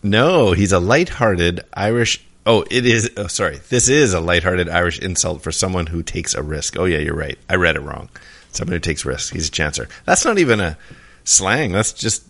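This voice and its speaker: A man's voice: sits low, very animated, normal speed, gravelly, a bit bright. A man co-hosting a casual podcast chat, playful and teasing as he guesses. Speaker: podcast co-host.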